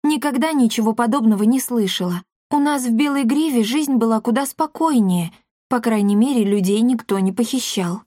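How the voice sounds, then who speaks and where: A woman's voice: a little high, moderate pace, mellow, no room sound, clean studio sound, lightly acted. A woman voicing an earnest young heroine girl who sounds sincere and easily surprised.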